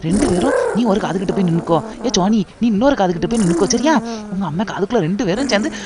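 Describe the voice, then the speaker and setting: A woman's voice: mid-range voice, lively intonation, rapid-fire, heavy background noise, close to an everyday voice. Woman voicing a meddling playful village aunt. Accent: Tirunelveli Tamil. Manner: loud, playful, coaxing. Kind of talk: cartoon voice acting.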